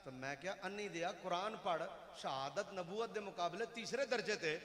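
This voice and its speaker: A male preacher delivering a fiery sermon, swinging between shouted exclamations and hushed storytelling, sometimes singing devotional refrains. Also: high-pitched, normal speed. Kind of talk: fiery religious sermon with chanting. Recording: echoey hall with long reverb.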